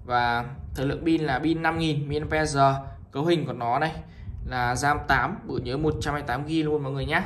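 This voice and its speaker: A man with a northern Vietnamese accent gives an informal, repetitive sales pitch as a shop seller, presenting items one by one to viewers. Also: fairly even intonation, fairly quick, fairly bright tone, a little hiss or hum. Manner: repetitive, item-by-item selling with frequent appeals to viewers.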